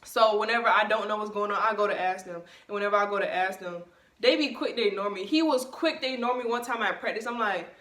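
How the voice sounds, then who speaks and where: A young woman tells a story straight to camera in an emphatic, indignant way, her voice bright and forceful. The room rings around her, and the mic sits a little way off, so the sound is roomy and distant. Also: medium pitch, quick pace. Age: young adult. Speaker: vlogger. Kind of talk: casual storytime vlog. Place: bedroom, at night.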